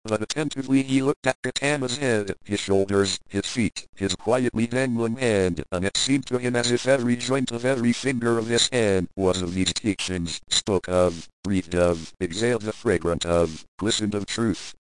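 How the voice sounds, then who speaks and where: A man narrating an audiobook in a measured, even storytelling manner. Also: lowish voice, a little hiss or hum, poor audio. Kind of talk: scripted narration.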